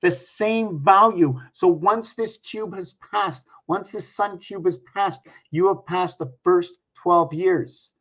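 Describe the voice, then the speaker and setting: A man in his sixties who talks in a rather high voice, doing his arithmetic out loud and stopping to ask the listener questions. His explanation rambles from point to point. The recording sounds dull and lo-fi. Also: slow pace, hardly any pauses. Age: 60s. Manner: works through sums aloud, pointing at objects; asks questions of the viewer. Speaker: numerology speaker.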